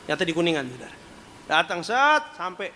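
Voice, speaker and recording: A man's voice: sits high, big pitch swings, fairly quick, pushed and bright. A male pastor preaching in a joking, storytelling way and acting out the people he quotes, on a stage microphone in a large church hall. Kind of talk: sermon. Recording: long church-hall reverb, faint noise.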